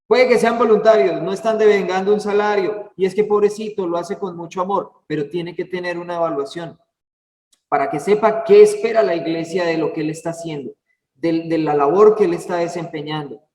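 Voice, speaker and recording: A high-voiced man leads an informal church class, chatty and full of fillers. He is recorded from far off in a roomy hall with a long echo. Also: fairly even intonation, brisk, a little mellow. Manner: chatty, many fillers, asks the class for words. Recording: echoey hall, far from the mic.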